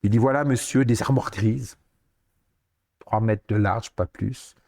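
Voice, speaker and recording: A Swiss French man in his sixties with a fairly low voice, speaking as a podcast guest. He tells stories with energy, acting out the lines of the people he quotes. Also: unhurried, creaky. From Switzerland. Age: 60s. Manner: lively anecdotes, acts out quoted dialogue. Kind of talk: storytelling interview.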